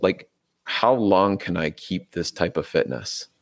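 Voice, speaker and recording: A man in his forties who is a triathlete and biology teacher talks casually in an interview, rambling, earnest, and often breaking off mid-sentence. His voice sits low and his pace is measured.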